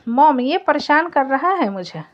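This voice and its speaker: A woman's voice: high voice, sing-song, unhurried. Woman voicing a hot-tempered young husband. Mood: irritated. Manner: angry, snapping. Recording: slightly dull lo-fi audio.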